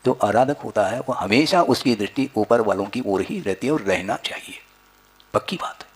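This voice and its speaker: A man's voice: lowish voice, normal speed, husky. A man giving a spiritual discourse as a wise religious teacher, instructing his listeners with rhetorical questions and repeated phrases.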